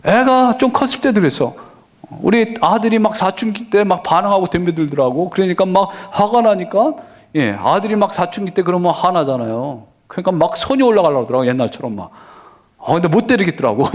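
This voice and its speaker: A middle-aged pastor preaching a conversational sermon, who keeps asking the congregation questions and answers them himself. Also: male voice, high-pitched. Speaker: senior pastor.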